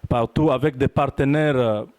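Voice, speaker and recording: A man from Congo giving an impassioned political address to his compatriots, halting with fillers at first, then building to emphatic, repeated declarations. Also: medium pitch, a little mellow, smooth. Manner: fervent, building to raised emphatic repetition; halting with frequent fillers at the start. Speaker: diaspora political representative.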